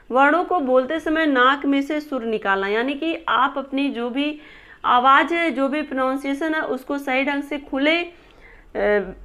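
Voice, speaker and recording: Woman teacher going over exam answers, pretty high voice, keeps rephrasing and repeating stuff so it sticks. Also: fairly bright tone. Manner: explains step by step, repeats and rephrases points. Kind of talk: recorded exam-prep lesson.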